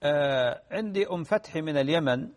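A man, a sheikh answering listeners' religious questions in a gentle advisory way. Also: fairly high pitch, lively intonation, a little fast, big-room sound. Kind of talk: radio religious Q&A.

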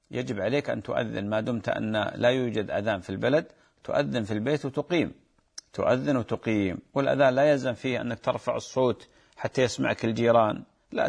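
A man preaching and answering viewer questions at a brisk clip. His voice has a gravelly edge and his tone is earnest and exhorting. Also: lowish voice. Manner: earnest, exhorting, reads out questions then rules firmly. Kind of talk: religious advice and fatwa answers.

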